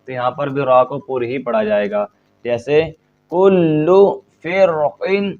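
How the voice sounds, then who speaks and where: A man teaching a Quran reading lesson, rattling off quick explanations and then spelling out letters and syllables slowly and loudly. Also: mid-range voice. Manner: quick explanations between slow, loud, drawn-out spelling drills. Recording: dull lo-fi recording.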